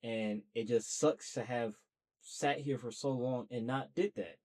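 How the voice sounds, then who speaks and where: A young man with a mid-range, darkish voice speaks a little slowly as he hosts a podcast. In a loose, casual solo monologue to camera, he talks earnestly and at length about starting his podcast, coming across as talkative and self-motivating.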